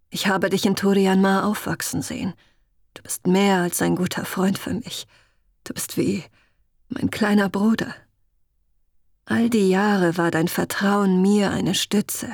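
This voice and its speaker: A stern but caring young swordswoman from a spoken fantasy story, firm and measured, as a woman reads her. She talks slowly in a dry, close sound. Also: medium pitch, steady tone, darkish tone, no room sound. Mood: earnest.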